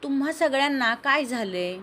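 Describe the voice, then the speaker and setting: A young heroine asks again and again what everyone is laughing at, confused and embarrassed, as voiced by the woman reading the story. Her voice is light and fairly high, with a faint hiss behind it. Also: lively intonation, normal speed, pushed and bright. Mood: flustered.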